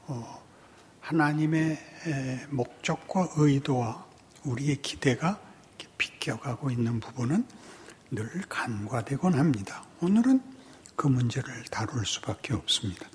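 A man preaching a sermon in slow, halting phrases full of pauses and fillers, with sudden emphatic rises. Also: mid-range voice, a little hiss or hum. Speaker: pastor.

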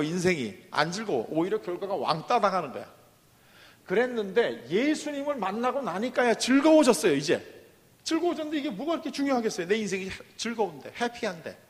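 High-voiced preacher in a reverberant hall. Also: male voice. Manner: asks the congregation rhetorical questions and answers them. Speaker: pastor. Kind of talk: sermon. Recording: long reverb of a large hall.

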